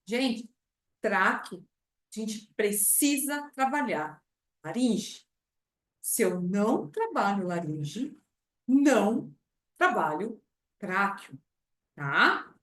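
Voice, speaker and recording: A Brazilian woman teaching speech therapists, lively, acting out how she talks to a patient at the bedside. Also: mid-range voice, very slow, pauses often, roomy sound. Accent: Brazilian Portuguese. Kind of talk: clinical lesson with acted patient dialogue.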